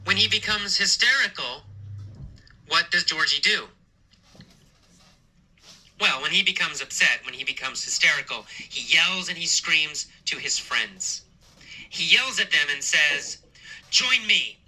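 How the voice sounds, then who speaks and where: A male teacher telling a story as a lesson, asking simple questions and answering them himself, slowly and with emphasis. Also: on the high side, lively intonation, bright, forceful tone, poor audio. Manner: slow, repetitive, emphatic questioning. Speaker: English teacher.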